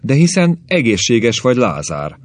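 A firm, worried sister who speaks in short, dry, pressing words, read by a man. The voice stays low and close, with a plain, dry sound. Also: expressive, dry recording. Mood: firm concern. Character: firm, worried adult woman caring for her brother.

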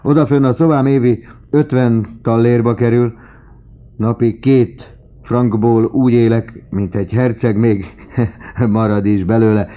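A man voicing an elderly doting father, effusive, loud and emotional, in an audiobook reading. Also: rumbling low, steady tone. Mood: elated. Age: older. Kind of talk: audiobook character voice. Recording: tinny phone-like lo-fi recording.

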